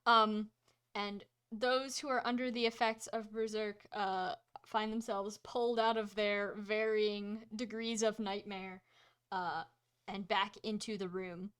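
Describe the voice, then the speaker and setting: A woman's voice: mid-range voice, steady tone, a bit bright, clear, resonant tone. A woman narrating a tabletop game as game master in a casual, colloquial, improvised way. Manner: halting, colloquial, full of 'like'.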